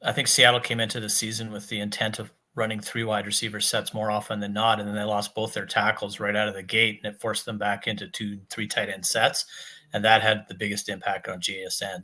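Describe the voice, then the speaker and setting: A man's voice: on the low side, sharp tone. A man co-hosting remotely over an internet call, giving brief, matter-of-fact analysis. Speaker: podcast co-host on a laggy call. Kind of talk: casual live Q&A chat.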